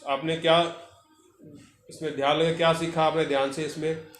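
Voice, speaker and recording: A male vocational teacher explains a textbook lesson, reading English lines slowly and then explaining them. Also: on the high side, flat delivery, a bit bright. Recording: echoey room with faint noise.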